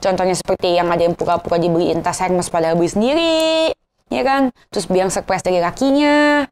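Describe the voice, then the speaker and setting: A woman's voice: lowish voice, brisk, darkish tone, slight background noise. A woman with a Jakarta Indonesian accent and a lisp on her r's, rambling and tripping over words in a casual gossip rant to viewers. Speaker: vlogger.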